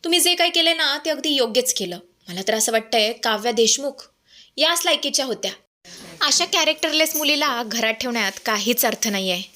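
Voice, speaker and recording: Give me a prying, insistent TV news reporter, as a woman puts him on, pitched high. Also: lively intonation, a little fast, bright, forceful tone. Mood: badgering. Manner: badgering, insistent.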